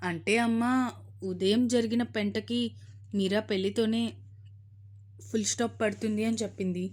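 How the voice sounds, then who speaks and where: Young husband, voiced by a woman narrator, gentle, reassuring, audio story. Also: mid-range voice, steady tone, normal speed, natural voice.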